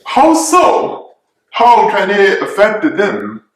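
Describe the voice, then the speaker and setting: Guy acting a sardonic middle-aged husband, theatrical, slow and kinda high for a man, echoey room. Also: huge pitch swings, heavily acted. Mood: mock-innocent, teasing. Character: dry, sarcastic, teasing middle-aged husband and father. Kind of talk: dramatic reading of a classic novel.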